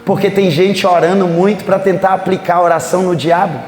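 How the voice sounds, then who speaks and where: A man's voice: high voice, fairly quick, a little hiss or hum. A male pastor preaching a conference sermon in a church, telling Bible stories and acting out their scenes with a Brazilian accent. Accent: Brazilian Portuguese. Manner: animated storytelling preacher who acts out biblical scenes. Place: church sanctuary during a conference service. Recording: echoey church hall with faint music.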